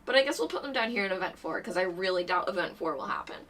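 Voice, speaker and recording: A woman chatting excitedly on a board game live stream, bubbly and rambling, a little out of breath. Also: medium pitch, quick pace, distant mic. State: a bit out of breath. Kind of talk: casual live-stream chat.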